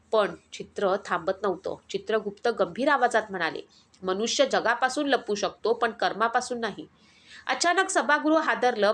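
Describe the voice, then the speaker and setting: Woman reading a spooky myth story out loud, kinda high voice, does all the lines herself. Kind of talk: dramatic story narration.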